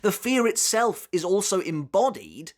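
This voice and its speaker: A countdown narrator with a widely swinging, mid-pitched voice. The delivery of this scripted top ten commentary is dramatic and emphatic, leaning on key words. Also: very animated, measured pace. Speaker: narrator of a ranked countdown video.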